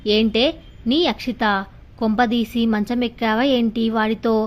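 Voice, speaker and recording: A woman's voice: on the high side, level tone, a little slow, close to an everyday voice. A woman voicing an arrogant rich young woman who bullies and threatens a junior student, in a taunting, sneering manner.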